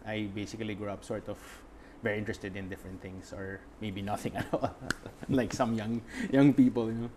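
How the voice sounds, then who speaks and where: A young man, answering interview questions as a guest photographer and pausing often to find his words. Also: lowish voice, fairly even intonation, noisy background. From Philippines. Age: young adult. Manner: reflective, searching for words with many fillers.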